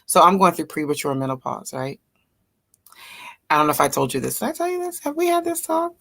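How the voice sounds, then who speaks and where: Animated laughing woman, lively bright voice. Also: low-pitched, a little fast, gravelly. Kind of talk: casual chat.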